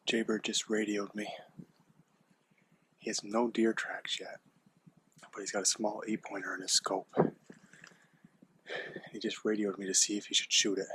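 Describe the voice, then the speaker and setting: A man out of breath in snowy woods, giving casual hunting vlog commentary in a hushed voice, often whispering as he stalks. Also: lowish voice, completely flat delivery, normal speed, long pauses. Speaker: deer hunter tracking in snow. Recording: noisy outdoor recording with clicks.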